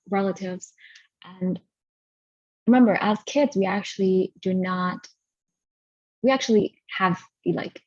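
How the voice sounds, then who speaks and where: A woman hosting a guided healing session over a video call, talking haltingly and stopping to gather her thoughts. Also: fairly low pitch, darkish tone, husky, no echo. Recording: dull lo-fi audio.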